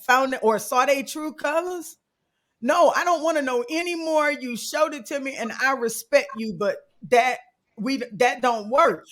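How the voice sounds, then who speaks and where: An emphatic woman hosts a casual podcast chat, her voice pitched a bit high. She takes her time, drawing out her words, with a folksy, preachy edge as she introduces the night's topic. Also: a bit bright. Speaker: podcast co-host. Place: live-streamed podcast.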